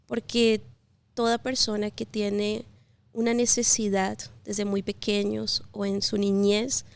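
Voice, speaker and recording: Speaking in a creaky, monotone, mid-range voice, a woman from Colombia in her thirties gives a personal testimony interview about her life. She is gentle and reflective, pausing and using fillers as she talks.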